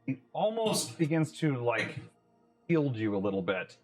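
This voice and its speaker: A man's voice: medium pitch, sing-song, measured pace, darkish tone, reverberant, soft background music. A man narrating a tabletop game as game master, rambling with many fillers.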